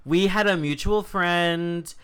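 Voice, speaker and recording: A co-host in their twenties, chatting casually with a teasing, dramatic manner and quick quips. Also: mid-range voice, fairly bright tone, clean tone. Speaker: podcast co-host. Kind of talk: casual chat.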